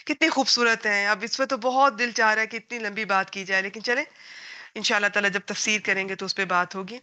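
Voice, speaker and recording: A woman teaching a Quran lesson to women, gentle and earnest as she gives advice. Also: medium pitch, steady tone, smooth.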